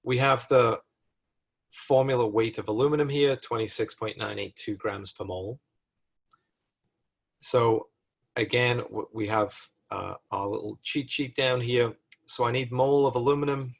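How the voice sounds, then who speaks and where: A man lecturing through chemistry exercises in a recorded lesson, at a middle pitch. He reasons aloud and stops to correct himself partway through sentences. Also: fairly even intonation, measured pace, vocal fry.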